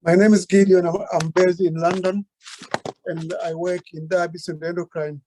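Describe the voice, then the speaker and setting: A man's voice: high voice, flat delivery, moderate pace, dark tone, dry recording. A man working in diabetes care, introducing himself hesitantly on a video call with restarts. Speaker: diabetes doctor.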